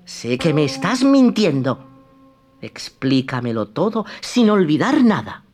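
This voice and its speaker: A storyteller voicing a calm, knowing fairy who speaks softly and gently firm. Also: medium pitch, measured pace, faint music behind. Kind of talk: storybook reading.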